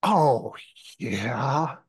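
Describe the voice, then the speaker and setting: A man's voice: mid-range voice, expressive, extremely slow, breathy edge, dry recording, clean studio sound. A man co-hosting a podcast in casual chat, joking and rambling, often laughing. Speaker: podcast co-host.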